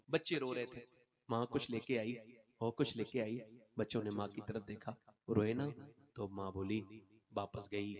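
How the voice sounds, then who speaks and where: Man preaching an islamic sermon, mid pitch, goes loud then drops real soft telling stories. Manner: emotional storytelling with loud raised passages and soft hushed stretches.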